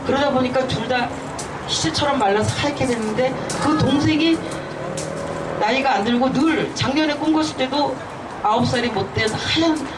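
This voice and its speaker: A woman in her fifties, a children's author, giving a halting, earnest personal speech at an outdoor rally. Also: high-pitched. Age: 50s. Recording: distant mic with loud street noise.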